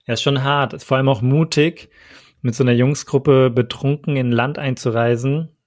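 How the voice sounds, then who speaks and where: A man's voice: mid-range voice, fairly even intonation, moderate pace, no echo, studio quality. A man in casual conversation who listens and jokes and teases. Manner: teasing, joking listener.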